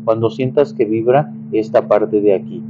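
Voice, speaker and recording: A man's voice: on the low side, normal speed. A man giving a casual singing lesson, explaining patiently with many restarts and examples. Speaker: church music and singing teacher. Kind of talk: casual vocal lesson with sung demonstrations. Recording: dull, slightly lo-fi sound with faint noise.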